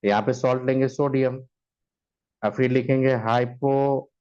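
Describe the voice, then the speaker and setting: A man's voice: medium pitch, steady tone, moderate pace, darkish tone, highs cut off. A man teaching chemistry in mixed with terms, who keeps asking his students questions and answering them himself. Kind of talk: classroom lecture.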